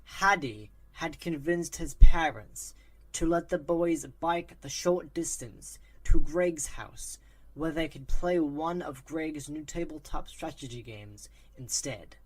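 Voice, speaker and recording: A narrator reading a spooky story aloud with a steady, even delivery. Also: mid-range voice, takes it slowly, slightly rough.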